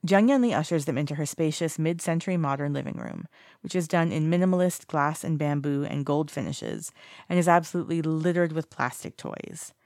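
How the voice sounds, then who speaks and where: Brief: an audiobook narrator with a gravelly edge, reading casually, dry close recording. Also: mid-range voice, a little fast, darkish tone, no echo. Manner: casual reading with small slips and self-corrections. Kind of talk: fan fiction audiobook reading.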